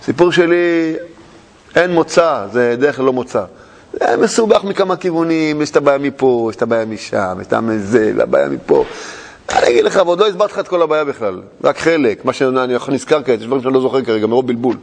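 A man giving a lively sermon to a group as a religious teacher, telling stories with rhetorical questions and touches of humor. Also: medium pitch, vocal fry. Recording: long hall reverb.

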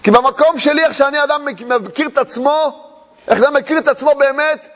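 High-voiced man preaching in a hall. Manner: animated storytelling with rhetorical questions and humor. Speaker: religious teacher. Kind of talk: lively sermon. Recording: long hall reverb.

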